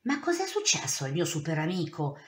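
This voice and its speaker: A woman's voice: deep voice, wildly swooping pitch, fairly quick. A woman voicing a kind, motherly female yeti in a storybook reading who comforts and speaks in proverbs. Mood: comforting.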